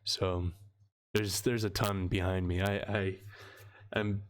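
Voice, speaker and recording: A man's voice: low voice, level tone, takes it slowly. Easygoing man hosting a late-night livestream. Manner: rambling, easygoing, laughs often. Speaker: livestream host. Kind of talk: casual livestream chat. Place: home room with shelves of books.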